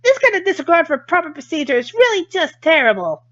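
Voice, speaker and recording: Guy doing a super high bright schoolgirl voice, bossy and lecturing, muffled audio w music. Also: sing-song, fast talker, heavily acted. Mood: scolding. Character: bubbly schoolgirl relaying a stern council president.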